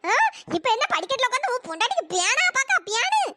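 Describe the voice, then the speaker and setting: A shrill scolding old mother-in-law. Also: big pitch swings, fast, noisy background. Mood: furious scolding. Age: older. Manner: shrieking, cursing, scolding. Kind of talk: cartoon voice acting.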